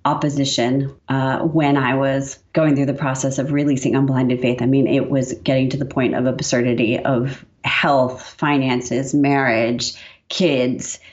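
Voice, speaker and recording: A woman's voice: a bass voice, flat delivery, a little slow, darkish tone, highs cut off. A woman guest who writes and speaks, talking earnestly and reflectively in a casual faith conversation. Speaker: podcast guest, author and speaker.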